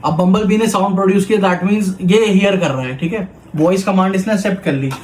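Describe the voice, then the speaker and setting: A high-pitched, slightly mellow voice comes from an Indian man showing off a toy shop product in a casual step-by-step demo, speaking fairly quickly in a Hindi-English mix. The room is echoey, with background noise and clicks.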